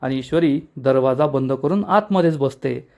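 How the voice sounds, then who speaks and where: A man narrating a lively recap of a television serial episode. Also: medium pitch, moderate pace, creaky. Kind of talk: storytelling recap.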